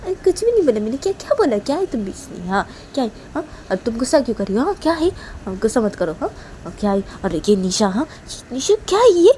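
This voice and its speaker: A woman's voice: a little high, very animated, quick pace, warm tone, slight background noise, pitched above the performer's own voice. A woman voicing a flustered young woman who defensively brushes off her girlfriend's anger with whiny questions.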